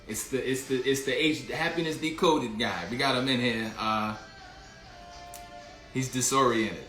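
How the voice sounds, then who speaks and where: Bright-voiced man telling a rambling story. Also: mid-range voice, a little slow, roomy sound, faint music behind. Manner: slangy, rambling, with frequent restarts and laughter. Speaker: livestream host. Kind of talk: casual storytelling livestream, greeting chat.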